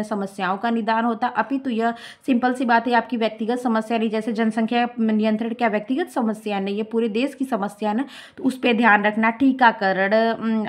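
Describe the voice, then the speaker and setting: Young woman teacher, fairly high voice, lecture style, explains point by point and checks in with rhetorical questions. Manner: mixes English terms into explanations, asks rhetorical questions. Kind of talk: classroom lecture explaining notes.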